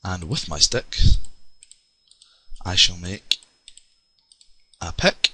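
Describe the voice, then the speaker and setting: Speaking low and expressively, stretching out his words with a sharp tone, this young Scotsman narrates his game in a rambling, chatty way. Full of ums, it's casual let's play commentary.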